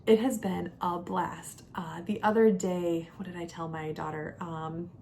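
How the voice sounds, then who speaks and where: In an unhurried, steady voice that sits on the low side, creaky and a little mellow, this young homeschooling mom and vlogger chats to camera about a product, leaning on important words. A faint hiss or hum is audible.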